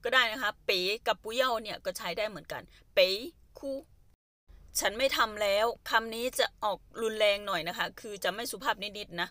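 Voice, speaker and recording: A woman teaching short everyday phrases, saying each one slowly and syllable by syllable. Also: mid-range voice, sharp tone, no echo. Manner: slow, deliberate syllable-by-syllable drilling. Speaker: language teacher. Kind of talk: Mandarin phrase lesson in Thai.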